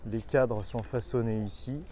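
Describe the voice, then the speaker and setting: Mellow-voiced man touring a building site. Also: medium pitch, fairly even intonation, unhurried, a little hiss or hum. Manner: informal, explanatory, with hesitant fillers. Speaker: construction company guide. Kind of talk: on-site walkthrough narration.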